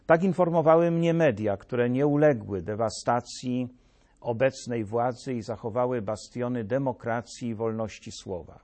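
A man's voice: mid-range voice, normal speed, a little mellow. A man delivering a scripted satirical commentary with a sarcastic, mock-solemn manner, addressing his listeners directly. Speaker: political commentator.

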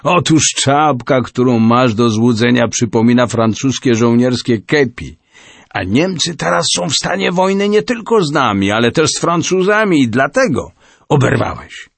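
A man's voice: medium pitch, expressive, moderate pace, vocal fry, dry recording. A man voicing a kindly, good-natured old man who warns a boy.

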